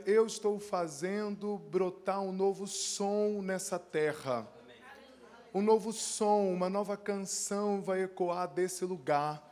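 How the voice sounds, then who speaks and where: Fervent pastor with a high voice. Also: male voice, a little mellow. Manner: fervent preaching, rising into sung declarations. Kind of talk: sermon.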